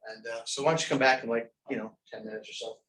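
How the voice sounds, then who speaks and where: A man's voice: mid-range voice, steady tone, quick pace, fairly bright tone. A man teaching a crisis intervention class in a conversational, rambling way with lots of fillers. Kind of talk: classroom lecture. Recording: echoey training room, distant mic, faint noise.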